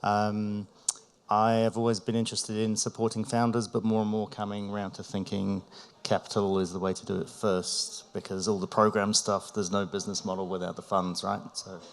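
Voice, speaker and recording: A man's voice: fairly low pitch, level tone, normal speed. Easygoing man. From New Zealand. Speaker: startup community builder. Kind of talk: self-introduction at a panel.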